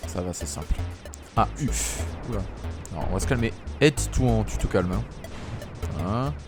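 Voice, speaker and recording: A man's voice: fairly low pitch, animated, normal speed, over music. A man hosting a let's play, commenting casually with short muttered reactions, interjections and swearing.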